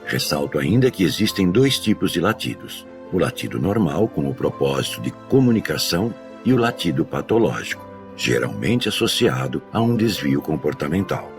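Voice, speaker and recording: A man working as a dog trainer, giving a measured, scripted educational narration. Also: rumbling low, big pitch swings, creaky, soft background music. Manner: measured, explanatory delivery.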